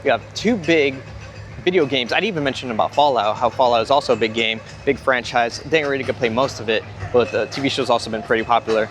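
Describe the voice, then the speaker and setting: A young man talks in a mid-pitched voice, rambling and repeating himself as he vlogs. He sounds slightly out of breath. He is outdoors, with faint music somewhere behind him. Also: fast, a bit bright. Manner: enthusiastic, rambling, repeats words. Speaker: theme park vlogger. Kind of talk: casual rambling vlog talk. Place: outdoors at a theme park. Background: music from nearby.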